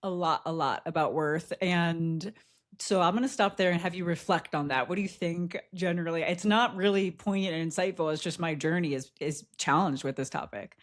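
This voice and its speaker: Speaking on the low side and a little fast, a female podcast co-host tells a candid, reflective personal story during a casual chat, often laughing and filling pauses.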